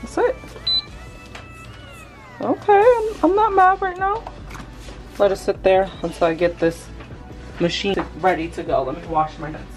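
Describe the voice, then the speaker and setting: A young adult woman chatting to viewers as she cooks in her home kitchen, excitable and talking as she works. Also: mid-range voice, a little slow, pauses often, faint music behind, low-quality recording. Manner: chatty, excitable, talks to viewers while working. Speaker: cooking vlogger. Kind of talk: casual cook-along narration.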